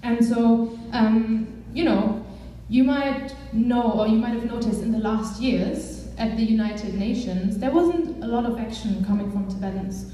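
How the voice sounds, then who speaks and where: A woman's voice: on the high side, unhurried, few pauses, warm tone, slight background noise. A young woman from Germany, a campaigns director, giving an earnest speech to a live audience with many fillers. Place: large echoey hall. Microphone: far from the mic. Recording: echoey hall, voice from far off.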